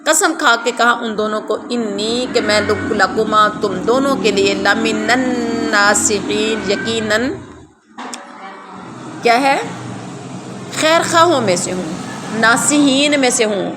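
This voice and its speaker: A woman with a Pakistani Urdu accent teaching a Quran lesson, reciting verses slowly and then explaining each one in plain conversational words. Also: on the high side, big-room sound, background noise. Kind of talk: word-by-word translation lesson. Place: room with noise heard from outside.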